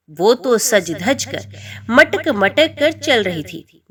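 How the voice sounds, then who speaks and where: A woman narrating a devotional folk tale in an expressive, dramatic way. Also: fairly high pitch. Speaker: storyteller.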